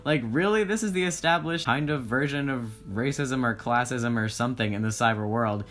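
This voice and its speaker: Over background music, a man reads a story aloud as a voiceover, breaking in with informal, sweary, joking commentary. His mid-range voice is a bit bright and moves a little fast.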